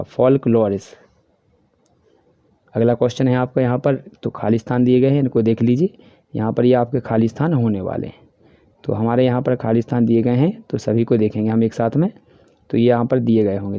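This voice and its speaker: A man with a Hindi accent teaching a class worksheet, explaining each answer step by step and reading the English questions slowly. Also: medium pitch, fairly even intonation, no echo. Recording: dry, dull lo-fi voice-over.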